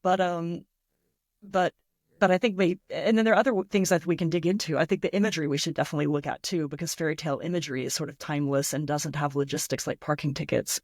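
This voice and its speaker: Speaking fast in a steady, low, darkish voice, a woman is interviewed as a guest writer. She thinks ideas through reflectively and with enthusiasm, reaching for imagined examples. The sound is dry, carrying hardly any room.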